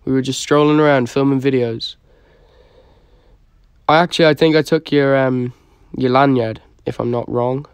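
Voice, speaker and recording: A smooth, medium-pitched voice belongs to a young Dublin man chatting at normal speed on a livestream, steady in tone as he answers comments in casual slang. His phone is close to his face, and the recording is dry.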